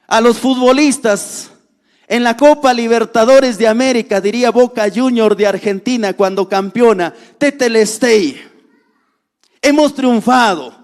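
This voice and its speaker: A man with a strikingly high voice preaching a sermon, earnest and deliberate, repeating key phrases slowly for weight. His voice rings out with a long reverb tail, as if in a large church hall. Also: darkish tone. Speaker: pastor.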